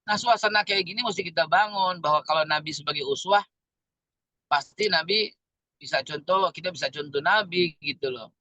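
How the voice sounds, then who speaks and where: A man preaching in an animated, slangy way with speech, firing off rhetorical questions. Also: on the high side, moderate pace, dry recording. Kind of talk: sermon.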